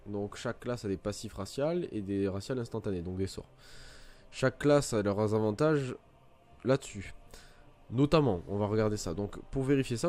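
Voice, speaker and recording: Rambling man with a mellow voice. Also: on the low side. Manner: rambling, many fillers and restarts. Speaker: gaming video creator. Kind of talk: casual gameplay tutorial commentary.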